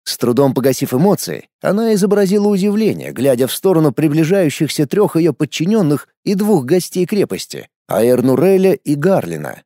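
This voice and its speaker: A man reads a fantasy story in a mellow, darker voice that sits somewhat high. His delivery moves lively up and down in pitch. The recording is dry and close. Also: fairly quick, hardly any pauses, dry recording. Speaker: audiobook narrator. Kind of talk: scripted fantasy narration.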